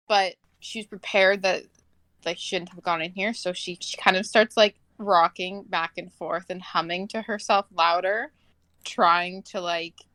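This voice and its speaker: A woman's voice: fairly low pitch, steady tone, unhurried, fairly bright tone, no echo. A woman playing in a tabletop role-playing game, chatting casually, laughing a lot and saying "like" often. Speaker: player.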